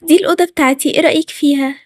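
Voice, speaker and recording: A woman with an Egyptian accent voicing a brisk, friendly girl who hosts her friend, in a cartoon story. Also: high-pitched, fairly even intonation, dry recording, clean studio sound, lightly acted. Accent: Egyptian Arabic. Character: cheerful girl friend Tara, host of the visit.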